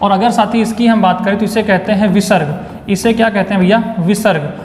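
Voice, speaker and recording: A man runs an online exam-prep lesson, repeating every question and answer for his students and cheering them along. His voice sits fairly high. The recording carries a long, echoing reverb from the room. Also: a little fast. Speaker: Hindi teacher.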